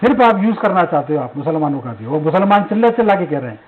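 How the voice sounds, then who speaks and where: A man's voice: fairly high pitch, very animated, fast talker. A man arguing as a panelist in a televised debate, emphatic and full of rhetorical questions. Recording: tinny phone-line audio.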